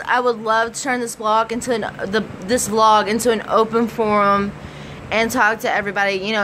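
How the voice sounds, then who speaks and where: A woman's voice: fairly high pitch, a bit bright, poor audio. A young American woman talking casually as a vlogger, with a preppy-sounding voice and a blunt, sweary manner. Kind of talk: casual personal vlog talk. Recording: faint background noise.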